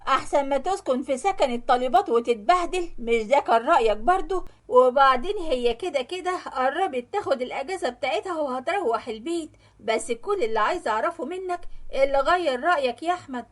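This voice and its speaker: A woman's voice: high voice, expressive, fast. A woman voicing a scolding Egyptian mother. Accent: Egyptian Arabic. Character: middle-aged mother, sharp-tongued.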